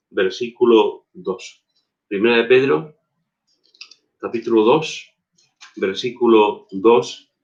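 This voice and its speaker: A man preaching a sermon as pastor, emphatic, repeating phrases and asking rhetorical questions. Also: mid-range voice. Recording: dull lo-fi recording.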